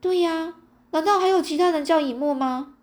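Brief: anxious young girl, read by a woman, urgent, high-pitched. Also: moderate pace. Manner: worried, urgent.

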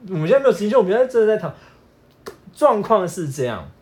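Fast-talking animated man on a podcast. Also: high voice. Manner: animated, acts out his wife's whining in quotes. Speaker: podcast co-host, fitness coach. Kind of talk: casual couple chat.

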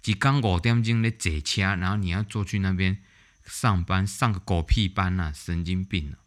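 Man, vlog host, deep low voice, casual storytelling, blunt, animated, mild swearing. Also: normal speed.

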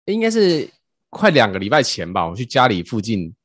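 A man's voice: medium pitch, normal speed, husky, no echo, studio quality. A man telling a funny story in casual podcast chat, laughing and acting out the quotes. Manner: animated, laughing, acts out quotes. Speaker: podcast host.

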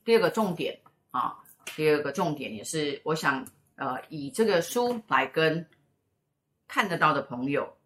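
Middle-aged woman, low voice, rambling storyteller, fillers and repeats, roomy echo. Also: big pitch swings, moderate pace, fairly bright tone, slight background noise. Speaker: co-host and spiritual teacher. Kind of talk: casual storytelling chat.

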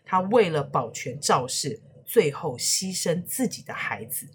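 A woman telling a historical story to children, animated and speaking to the young listeners directly. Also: deep voice, unhurried, slight background noise.

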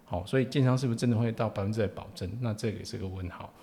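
Man, somewhat low voice, Taiwanese Mandarin accent, informal expert explainer, frequent particles and tag questions. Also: racing, dark tone, a little hiss or hum. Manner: repetitive, punctuates phrases with particles and tag questions. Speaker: lawyer, podcast guest.

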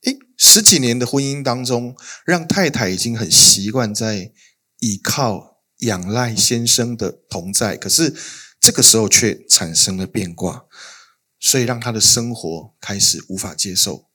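A male pastor giving a sermon, telling stories expressively and swinging between soft, hushed passages and louder emphatic ones. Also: on the low side, animated, a little slow, husky.

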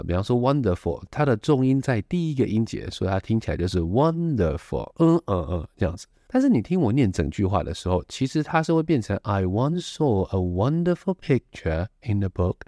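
A man's voice: fairly low pitch, warm tone, dry recording, clean studio sound. A man hosting an English lesson, reading a storybook aloud and then explaining pronunciation with lots of examples and sound demos. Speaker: English teacher and host.

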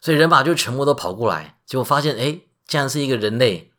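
A man with a Taiwanese Mandarin accent, hosting a podcast and retelling myths in a lively, joking way. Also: medium pitch, fast. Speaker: podcast host. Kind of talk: casual storytelling podcast.

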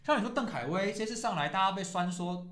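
A man's voice: sits high, animated, fast, a bit bright. A man with a Taiwanese Mandarin accent in a casual sports discussion, chatty and colloquial with frequent interjections, as a podcast host. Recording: roomy echo.

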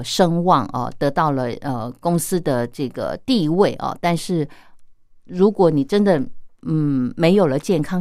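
A middle-aged woman, talking earnestly and gently as a radio host, with many soft fillers. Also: low-pitched, dry recording, studio quality. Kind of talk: reflective radio talk.

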